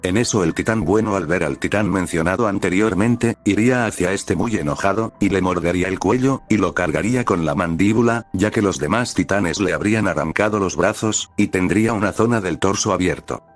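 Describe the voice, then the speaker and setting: Low-voiced man reading a fan story. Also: a little fast, few pauses. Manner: plain, even reading with speaker tags. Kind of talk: reading a fan fiction aloud.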